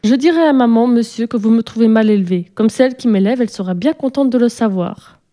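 A woman's voice: on the high side, quick pace, warm tone, close to an everyday voice. A woman voicing an impatient, quarrelsome little girl who talks back indignantly. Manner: pouty, indignant.

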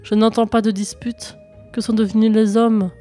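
A woman's voice: fairly high pitch, level tone, normal speed, dark tone, soft background music, close to an everyday voice. A woman voicing a determined young hero, speaking earnestly and resolutely in a storybook reading. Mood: curious. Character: determined young hero, a boy grown to a man.

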